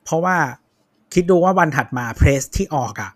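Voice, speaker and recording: A man's voice: fairly high pitch, moderate pace. A man co-hosting a casual tech podcast, chiming in with details and opinions in short bursts. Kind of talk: casual chat.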